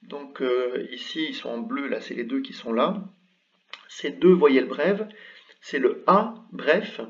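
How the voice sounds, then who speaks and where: Man, mid-pitched, patient teacher walking through a lesson with lots of "euh", slightly dull lo-fi sound. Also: slow, far from the mic. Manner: patient, explains step by step with many fillers. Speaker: Arabic script teacher. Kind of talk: online language lesson.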